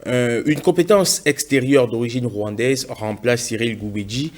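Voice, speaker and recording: Brisk male morning news presenter. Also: mid-range voice.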